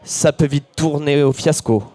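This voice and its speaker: Give me a high-voiced man reciting a bawdy rhymed comic tale, self-mocking, performed live. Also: a little slow, mellow. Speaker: storytelling performer. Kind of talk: rhymed comic spoken-word story. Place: venue with a live audience.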